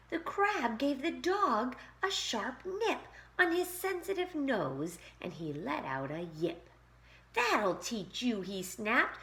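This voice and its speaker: A woman teacher reading a rhyming picture book aloud to young children in an expressive, sing-song way. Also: on the high side. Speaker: pre-K teacher.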